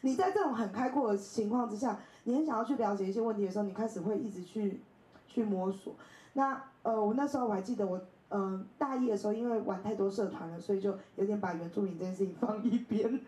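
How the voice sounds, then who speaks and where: A fast-talking woman in her thirties from Taiwan, invited to speak at a bookstore event, tells lively personal stories, laughing frequently and imitating the voices of those she quotes. Her voice is mid-range, and the poor-quality audio carries a lot of reverb.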